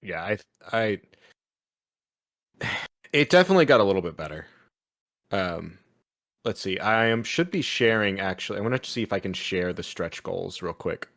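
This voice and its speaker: A man hosting a casual chat, relaxed and offhand with wry verdicts. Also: low voice, moderate pace, long pauses, no room sound, clean studio sound. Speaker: host.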